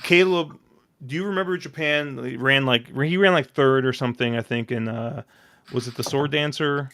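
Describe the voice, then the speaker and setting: A man hosting a casual podcast, telling long, excitable stories full of fillers and restarts. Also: medium pitch, moderate pace, no echo. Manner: rambling, excitable storytelling with many fillers. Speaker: podcast host.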